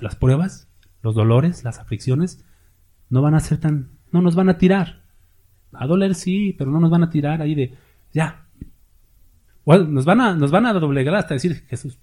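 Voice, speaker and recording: Male preacher, mellow husky tone, chatty sermon full of rhetorical questions. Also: a little high. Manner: conversational preaching, acts out little scenes with rhetorical questions.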